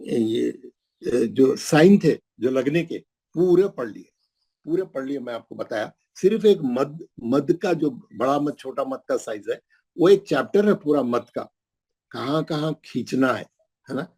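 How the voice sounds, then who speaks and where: Gravelly-voiced teacher drilling syllables. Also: male voice, mid-range voice, expressive, warm tone. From Hyderabad, India. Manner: drills syllables slowly, checks in with "right?". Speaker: Quran recitation teacher. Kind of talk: classroom lesson.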